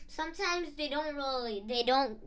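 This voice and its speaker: A woman's voice: high voice, lively intonation, moderate pace. A young girl chatting as a podcast guest, rambling through make-believe with many "like" and "I mean". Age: young child. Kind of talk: playful chat, make-believe.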